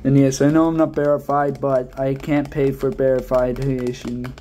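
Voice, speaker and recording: A young man chatting casually and ramblingly as an ASMR video creator, in a halting way that trails off. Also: mid-range voice, little pitch movement, warm tone, a little hiss or hum. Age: young adult. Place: living room at home.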